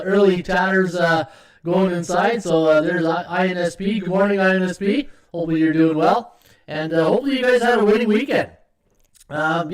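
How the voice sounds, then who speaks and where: A man hosting a sports betting livestream in a chatty, filler-heavy way, his microphone sounding echoey like a tunnel. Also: high-pitched. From Canada. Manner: chatty, greets viewers by name, many "uh" fillers. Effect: echoing tunnel-like sound on his microphone. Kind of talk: casual livestream chat. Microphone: USB desktop microphone. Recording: echoey hollow mic sound.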